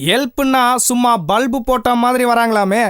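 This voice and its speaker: A man's voice: very high voice, fairly even intonation, normal speed, fairly bright tone, smooth, dry recording, clean studio sound. A man whining in self-pity in a comic radio ad monologue.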